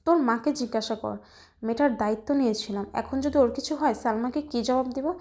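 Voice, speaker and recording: A woman's voice: a little high, brisk, darkish tone, lightly acted. A woman voicing a stern middle-aged father who scolds sharply in a narrated story. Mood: scolding. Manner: scolding, clipped.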